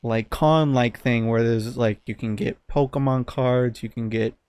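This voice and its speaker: A man co-hosting a podcast chats casually, telling rambling, informal anecdotes and swearing at times. His mid-range voice is steady and darkish in tone, delivered at a measured pace, and the recording is clean with no echo.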